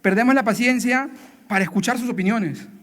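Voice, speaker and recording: This church speaker, whose high-pitched voice has a fairly bright tone, preaches a sermon aimed at families, talking directly and casually with frequent quick tag questions. He plays out small parent-child scenes, while long reverb lingers behind him in the hall.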